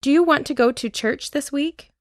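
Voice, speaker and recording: A woman reading an English lesson aloud, with clear, deliberate drill phrases and an American accent. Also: high-pitched, no echo, clean studio sound. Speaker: English teacher. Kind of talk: slow scripted lesson reading.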